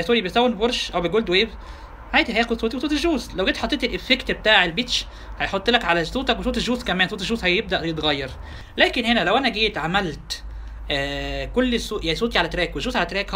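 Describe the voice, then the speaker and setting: An Egyptian-accented man runs a software lesson at a very fast clip. His voice sits high for a man and sounds bright and forceful. He keeps turning to his listeners with rhetorical questions. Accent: Egyptian Arabic. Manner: quick, chatty, addresses listeners directly with rhetorical questions. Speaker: software instructor. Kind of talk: tutorial lecture.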